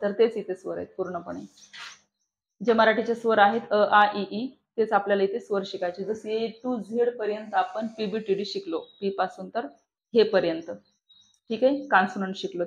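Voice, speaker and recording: A woman's voice: medium pitch, lo-fi sound. A woman teaching a shorthand lesson to a classroom, asking the class questions and answering them herself. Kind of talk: classroom lecture. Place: classroom with online students.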